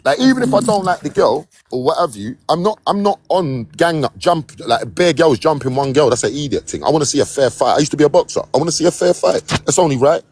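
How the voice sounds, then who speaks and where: A man with a London accent in a heated live online argument, loud and sharp, repeating himself insistently, cutting in and using slangy street talk with swearing. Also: fairly high pitch, lively intonation, fast talker, hardly any pauses, breathy edge. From Hackney, London, England. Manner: loud, sharp, shouting over others; repetitive, insistent, interrupting.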